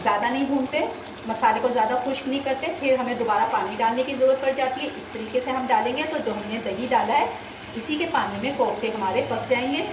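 Fairly high-pitched and fast, a cooking-channel host explains each step with patience and gives tips while working at her stove at home. In the echoey kitchen, the far-off mic captures loud frying and sizzling.

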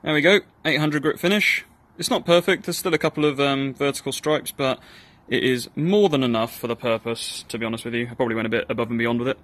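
A man's voice: mid-range voice, quick pace, few pauses, fairly bright tone. Chatty Northern Irish man. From Northern Ireland. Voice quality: chatty, self-deprecating, with frequent ums and uhs. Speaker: hobby blacksmith. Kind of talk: casual workshop build narration.

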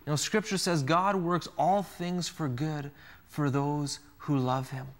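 Earnest priest with a slightly high voice. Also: male voice, fairly even intonation, measured pace. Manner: earnest, storytelling with acted quotes. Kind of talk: televised sermon.

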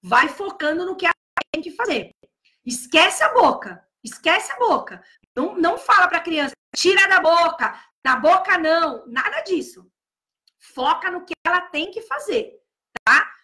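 Loud, emphatic São woman teacher. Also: extremely high pitch, very animated, moderate pace. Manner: emphatic, repeats key words, talks loudly. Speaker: early-childhood educator. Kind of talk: casual advice talk to teachers.

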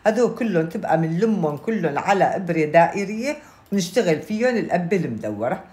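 Female craft instructor, Levantine Arabic accent, slightly low pitch, casual and instructive, repeats steps. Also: very animated, fast, darkish tone. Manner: instructive, repeats key steps, checks in with listeners. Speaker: knitting instructor. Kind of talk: casual step-by-step craft tutorial. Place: indoors at a table, hands-only camera view.

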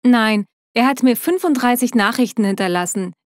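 A woman voicing a gentle teenage girl. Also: a little high, moderate pace, no room sound, clean studio sound, natural voice. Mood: troubled. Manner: soft and soothing.

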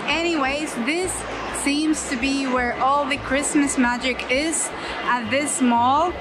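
A woman's voice: high-pitched, steady tone, takes it slowly. A Finnish woman, Finnish-speaking by birth, chatting upbeat and playful to a handheld camera while walking through a mall and eating out. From Finland. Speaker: travel vlogger. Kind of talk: casual vlog talk to camera. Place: busy shopping mall and restaurant, indoors. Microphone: action camera held at arm's length. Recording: loud crowd and music behind.

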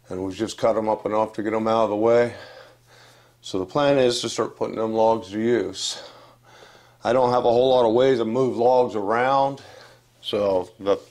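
Speaking with medium pitch and a darkish tone, the older channel host from West Virginia gives a loose, casual update to camera indoors beside wooden furniture, picked up by a lapel mic. He is plain-spoken and rambling, often restarting and filling pauses.

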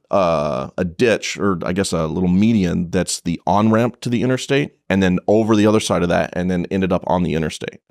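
Deep-voiced blunt cop telling a story. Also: male voice, darkish tone, dry recording, clean studio sound. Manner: blunt, profane, retelling with restarts. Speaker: police officer guest. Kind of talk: conversational podcast storytelling.

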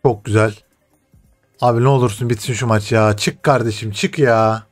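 A young man playing a football video game, commenting live, often cursing and yelling at the game. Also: fairly low pitch, steady tone, moderate pace, soft background music. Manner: frustrated swearing, shouts at the game. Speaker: gaming streamer.

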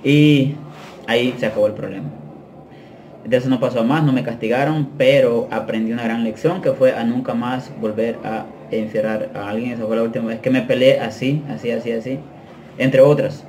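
A man tells his story straight to camera in a loose, slang-heavy way. He mixes in bits of English and often backs up to restart a thought. His voice sits at an ordinary middle pitch for a man. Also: fairly even intonation, a little mellow, a little hiss or hum. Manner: slangy, drops English phrases, halting restarts. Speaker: vlogger telling prison stories. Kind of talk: casual storytelling.

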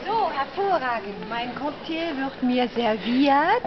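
A woman in her thirties narrates a hotel tour to her handheld camera from a busy restaurant and bar, her voice sitting high, expressive and slow. Her presenter tone is polite and showy. Loud crowd chatter makes the background noisy, and the camera audio sounds dull.

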